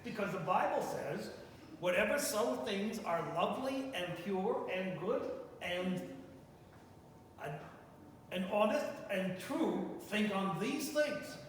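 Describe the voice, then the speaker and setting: A man voicing an earnest beaver puppet in a children's show, hesitant and halting as he thinks aloud. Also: sits high, expressive. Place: large church room with live audience. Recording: echoey hall, far from mic, faint noise.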